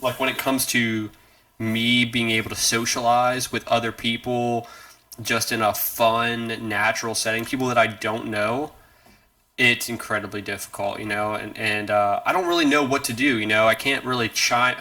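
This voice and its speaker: A man co-hosting a casual podcast, telling a rambling story full of animated quoted voices. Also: mid-range voice, normal speed, no room sound. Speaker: podcast co-host. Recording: distant from the mic, dry sound.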